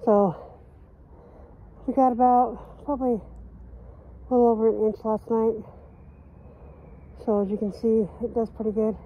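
A woman's voice: a little high, flat delivery, unhurried, pauses often, husky. A woman out of breath, chatting casually while demoing her snowblower outdoors. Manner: chatty, apologetic asides. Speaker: vlogger reviewing her snowblower. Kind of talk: casual product demo. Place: outdoors in snow. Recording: tinny phone-like sound, faint noise.

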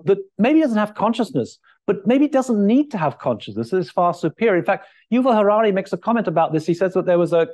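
Man lecturing at a lectern, soft dark voice. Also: fairly high pitch. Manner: thinking aloud, many fillers and restarts. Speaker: keynote speaker. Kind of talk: conference lecture. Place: large lecture hall, at a lectern.

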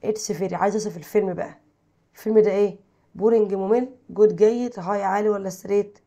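Brief: Egyptian woman teacher, dark gravelly voice, reads English exercises aloud and quizzes the class in Arabic. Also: medium pitch, fairly even intonation, quick pace. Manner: reads English then translates, quizzing pupils. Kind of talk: textbook exercise lesson.

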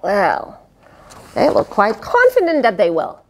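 A middle-aged woman with a gravelly, mid-range voice reads a picture book aloud to children at an unhurried pace. She performs it expressively and dramatically, adding gasps, sighs, playful asides, and questions to her listeners. She's indoors in a small fabric tent with cushions, recorded on a lapel mic.

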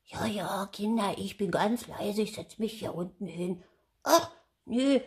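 An eager child puppet chatters and pleads in a storybook video, voiced by a woman. It speaks in an unhurried, middle-height voice. It sounds fidgety and persistent. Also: medium pitch, animated, darkish tone, pitched above the performer's own voice. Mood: pleading.

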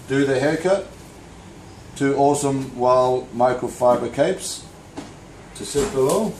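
Reviewing products on camera in his small barbershop, a thirtysomething man with an Australian accent gives an enthusiastic, informal demo of a tool kit. He speaks slowly at medium pitch, a little mellow, with slight hiss or hum, and the roomy space carries faint ambience.

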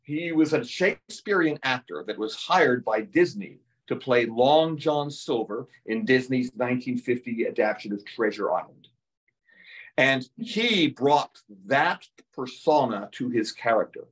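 Older male history lecturer, animated storyteller, heard from across the room. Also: mid-range voice, measured pace. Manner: lively storytelling, acts out quotes in playful voices. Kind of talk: museum lecture with slides. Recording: voice heard from a distance.

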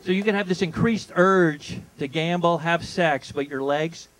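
A man's voice: fairly high pitch, unhurried, a bit bright, poor audio. A man with a thin, whiny voice doing stand-up comedy in a conversational, mock-puzzled way, reading copy aloud with joking asides.

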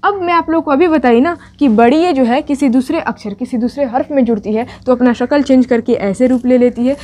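A woman's voice: high-pitched, fairly quick, a little mellow. A young woman, teaching an online language lesson, patiently repeating each step and asking rhetorical questions. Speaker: Urdu teacher.

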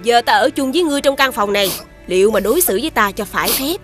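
A woman's voice: a little high, lively intonation, quick pace, a bit bright, soft background music. A woman voicing a scheming female witch who poses as the queen's sister in a cartoon, sly and commanding. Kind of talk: cartoon dubbing.

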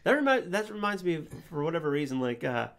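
A man's voice: fairly high pitch, sing-song, fast talker, fairly bright tone. A man in his thirties co-hosting a comedy podcast, talking in a rambling, self-deprecating, joking way with a nasal voice. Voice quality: nasal speaking voice. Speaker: podcast co-host. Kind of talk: casual chat.

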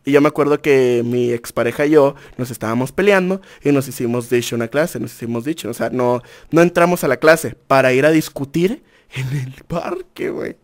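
A young man, a streamer telling a story to his chat in a casual, animated way, full of crude slang. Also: mid-range voice, brisk.

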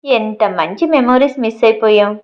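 A woman's voice: fairly high pitch, normal speed, natural voice. A woman reading as a tender young husband. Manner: affectionate, earnest pleading. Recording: dull lo-fi recording.

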